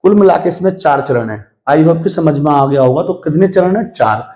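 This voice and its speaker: A man's voice: fairly high pitch, animated, dark tone. A man teaching Hindi grammar to students, often checking in with "theek hai" and asking questions that he answers himself. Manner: recites verse slowly and deliberately. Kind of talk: classroom-style lesson.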